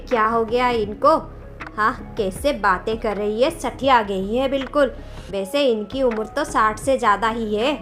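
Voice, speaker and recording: A stubborn young daughter-in-law sasses back in a cartoon story, as a woman voices her. Her voice is fairly high and mocking. Light music runs underneath. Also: fairly bright tone. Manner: sassy, mocking. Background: background music.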